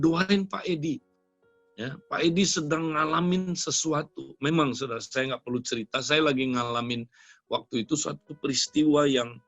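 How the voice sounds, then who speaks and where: A man's voice: medium pitch, creaky, no echo. Older male preacher telling a story. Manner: storytelling preaching, constantly addressing listeners as "saudara". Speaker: pastor. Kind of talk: sermon. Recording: dry, dull sound with faint music behind.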